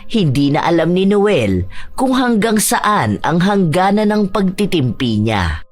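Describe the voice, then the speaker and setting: A woman narrating a dramatized story in a steady, measured storytelling manner. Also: on the low side.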